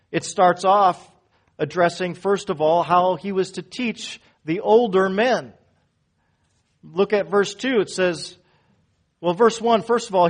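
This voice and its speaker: A man preaching a sermon as pastor in a church, swinging from loud emphatic peaks down to low quiet phrases. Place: church sanctuary.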